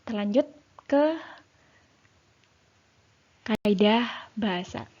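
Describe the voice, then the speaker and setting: A woman's voice: medium pitch, lively intonation, extremely slow, darkish tone. A woman teacher, explaining a lesson to her students in a casual, chatty way, full of fillers and rhetorical questions. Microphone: home recording for an online lesson. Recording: slightly dull lo-fi sound.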